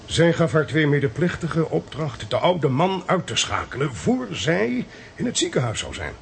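In a radio play, a male actor with a Netherlands Dutch accent plays an authoritative intelligence agent who explains things emphatically and gravely. His voice is slightly high, sing-song and creaky at a moderate pace. A faint hiss or hum sits under the recording.

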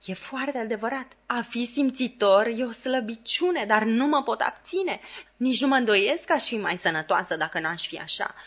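A woman's voice: a little high, expressive, breathy edge, pitched above the performer's own voice. A woman reading an audiobook, voicing Camila, a fragile, self-pitying lady who sighs and drags out her complaints. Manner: plaintive, sighing, drawn-out.

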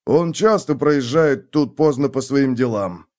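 A man voicing a gruff city guard sergeant who speaks curtly and mocks his prisoners. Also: medium pitch, animated, measured pace, a little mellow, pitched above the performer's own voice, natural voice. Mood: stern. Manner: curt, growling, mocking. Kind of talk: audiobook character voice.

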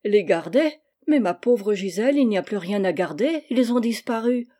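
A woman reading a storybook voices a kindly but stern older gentleman who speaks in a measured, gently admonishing way. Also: medium pitch, animated, lightly acted.

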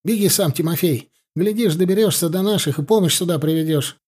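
A weary, despairing army ensign, as an audiobook narrator puts him on. His voice sits a little higher and sounds husky and plaintive. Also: brisk, darkish tone. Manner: plaintive, resigned.

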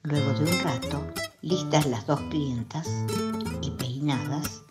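Low-voiced woman narrator. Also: slow, over loud music. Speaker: radio drama narrator. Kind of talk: scripted narration.

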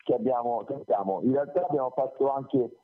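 A man's voice: medium pitch, fairly quick. A man who sings in a band answers interview questions over a phone call, talking in a loose, rambling way and correcting himself as he goes. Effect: heard over a phone call. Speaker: singer of a band, interview guest. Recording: tinny phone line.

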